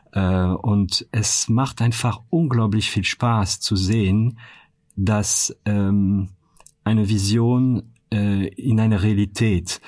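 Man, french accent, fifties, lowish voice, halting with lots of fillers, dry close sound. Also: darkish tone, dry recording. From France. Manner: hesitant, many fillers and restarts. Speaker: founder and CEO, podcast guest. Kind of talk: reflective interview talk.

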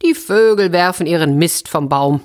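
Woman doing careless storybook robbers, offhand and dismissive, low-pitched. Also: normal speed, a little mellow, lightly acted. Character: careless robbers counting stolen money.

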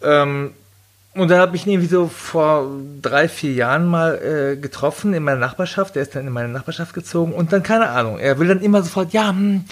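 A man's voice: fairly high pitch, fairly quick. A man in his thirties, a podcast guest chatting casually and candidly, acting out voices in his stories. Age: 30s. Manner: candid, animated storyteller acting out quoted voices. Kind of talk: casual chat.

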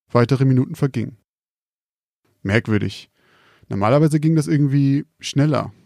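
A man calmly reading out a scripted spooky story in a measured, quiet storytelling manner. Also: medium pitch, creaky, dry recording, studio quality.

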